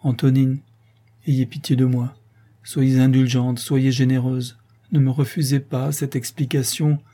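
A passionate, jealous young soldier from a storybook reading, pleading and quick to flare up, as a man reads his lines. The tone stays mellow and husky. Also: mid-range voice. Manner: pleading, impassioned.

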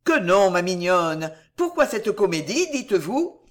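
A reader voicing a bold, good-humored chevalier in a storybook who swears playful old oaths. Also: male voice, sits high, big pitch swings, a little slow. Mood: hearty. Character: bold, jovial male swordsman chevalier. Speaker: storybook character. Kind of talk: dramatic audiobook reading.

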